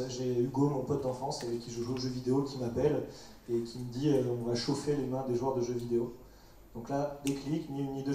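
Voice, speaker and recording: A man's voice: medium pitch, dark tone, slight background noise. A man in his twenties from Paris, a startup founder telling his story on a panel in a chatty, joking way. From Paris, France. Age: 20s. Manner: chatty storyteller with light jokes. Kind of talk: casual panel talk. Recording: roomy hall mic from far off.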